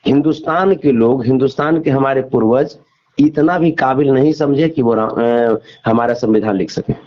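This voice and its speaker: In a murky lo-fi phone call, a man being interviewed pushes his opinions forcefully, repeating himself and posing rhetorical questions. His voice sits in the mid range and moves at a normal speed.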